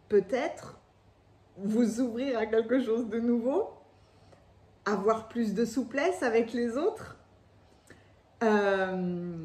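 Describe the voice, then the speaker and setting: This tarot reader's voice is a little high and mellow, and she lisps her s sounds. Her reading is chatty, improvised, enthusiastic and full of exclamations, with echoey room acoustics.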